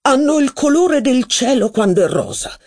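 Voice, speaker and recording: A fawning, affected gentleman gushes in high, drawn-out exclamations, as an audiobook reader puts him on. His voice swoops lavishly, and the sound is dry and close. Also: sing-song, no room sound, exaggerated voice. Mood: effusive. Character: gushing affected male art flatterer.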